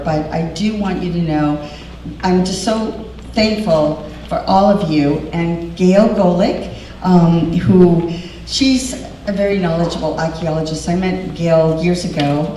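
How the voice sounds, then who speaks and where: In a large, reverberant hall, a female diver hosting a community event gives a loud, chatty public talk full of fillers and tangents. She has a fairly low-pitched voice, and the recording is echoey and distant with slight background noise.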